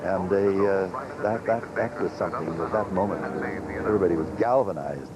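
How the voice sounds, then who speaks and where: An older man, a former aircraft plant worker, recalling events in a halting, reflective interview, heard off a worn VHS tape copy. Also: deep voice. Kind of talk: interview recollection. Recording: dull worn tape with loud hiss.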